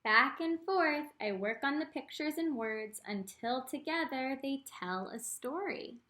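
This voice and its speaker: A woman reads a picture book aloud to children in the role of an art teacher, voicing it expressively and turning to the young listeners with teaching asides. Her voice is high and her pace a little slow.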